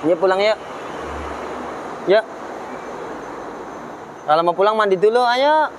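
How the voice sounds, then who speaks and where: A man's voice: high-pitched, steady tone, unhurried, slight background noise, low-quality recording. A man filming a casual vlog outdoors, coaxing someone with short repeated commands. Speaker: vlogger. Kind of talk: casual handheld vlog narration. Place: outdoors by a street near a mosque.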